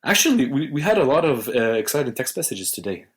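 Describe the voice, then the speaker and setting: A young man co-hosting a casual tech podcast, teasing his friend and telling stories in a joking, animated way. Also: mid-range voice, quick pace. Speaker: podcast co-host.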